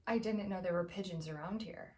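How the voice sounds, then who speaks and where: A woman co-hosting a podcast in casual chat, reacting quickly with wry asides and laughing often. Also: on the low side, dark tone. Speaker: podcast co-host.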